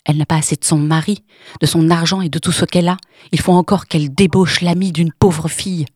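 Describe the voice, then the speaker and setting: A woman voicing a coarse, jealous young woman who shouts with harsh, sneering contempt in an audiobook reading. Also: lowish voice, steady tone, a little fast, slightly rough, dry recording. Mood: furious.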